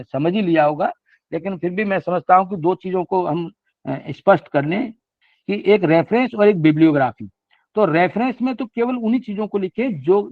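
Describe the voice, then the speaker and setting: A man's voice: high voice, no room sound. Older man lecturing over a tinny line. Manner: mixes Hindi with slow read-out English lines. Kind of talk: academic lecture. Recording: dry, tinny phone-like sound.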